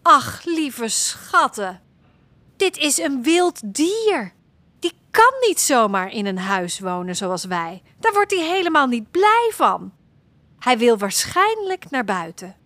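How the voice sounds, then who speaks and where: A woman voicing a caring, practical mother in a children's audio story, calm and reassuring. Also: high voice, takes it slowly, no room sound, exaggerated voice.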